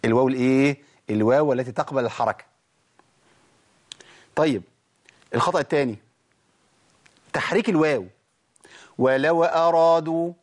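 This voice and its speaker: A man with an Egyptian accent teaching Quran recitation rules, quizzing his listeners with rhetorical questions and demonstrating words slowly. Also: mid-range voice. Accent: Egyptian Arabic. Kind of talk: recorded tajweed lesson.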